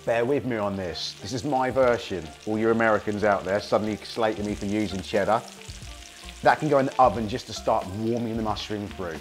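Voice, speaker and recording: A man hosting a casual cooking demonstration, hoarse from a cold, chatting enthusiastically to viewers as he cooks. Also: on the low side, fairly quick, faint music behind. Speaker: cooking show host.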